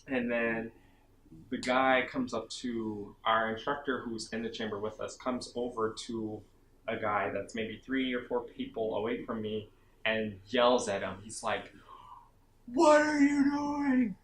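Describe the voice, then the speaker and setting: A man's voice: on the low side, unhurried. A young man vlogging about his basic training, telling the story casually and a bit dramatically, with lots of "like" fillers. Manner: animated, self-dramatizing, many "like" fillers. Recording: echoey room, faint background hum.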